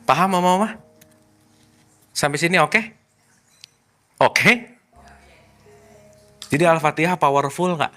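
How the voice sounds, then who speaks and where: A man's voice: fairly high pitch, slow, pauses often, pushed and bright, soft background music. A man leading a casual religious study talk, playful and teasing, slipping in English words. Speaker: spiritual teacher.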